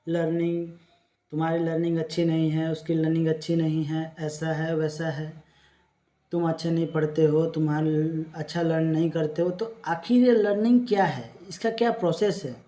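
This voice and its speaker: A teacher delivers an exam-prep lecture, slowly reading English definitions and then explaining them in Hindi with everyday examples. The delivery is loose and rambling with frequent restarts, in a mid-range, darkish voice.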